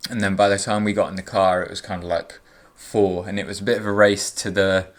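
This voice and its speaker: Easygoing young man, lowish voice. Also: flat delivery, a little fast. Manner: easygoing, laughs often, trailing off with fillers. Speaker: podcast co-host. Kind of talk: casual chat.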